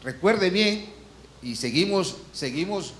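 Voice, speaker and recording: A man's voice: high voice, animated, fairly bright tone, a little hiss or hum. A man, a pastor, preaching a sermon to his congregation, asking frequent rhetorical questions and acting out complaining voices. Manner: acts out complaining voices in quotes; slows down and rises on emphatic Bible quotations. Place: church.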